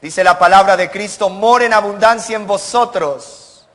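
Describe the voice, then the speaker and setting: A man preaching from the pulpit with a high, ringing voice. He presses his points with earnest rhetorical questions and emphatic climaxes. His words echo with a long reverb through a church sanctuary. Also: moderate pace, fairly bright tone. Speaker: pastor. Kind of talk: sermon.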